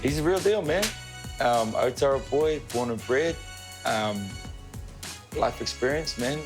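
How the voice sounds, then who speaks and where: A man's voice: mid-range voice, expressive, unhurried. A man giving casual, admiring interview comments. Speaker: interviewee praising a colleague. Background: guitar music.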